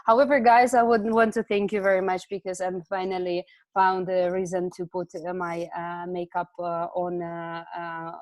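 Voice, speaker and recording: A woman's voice: lowish voice, a little mellow, dry recording. Woman on a video call from home, lots of um and uh, dry close sound. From Ukraine. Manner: hesitant, many fillers and restarts. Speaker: community organizer, guest speaker. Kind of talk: casual online talk.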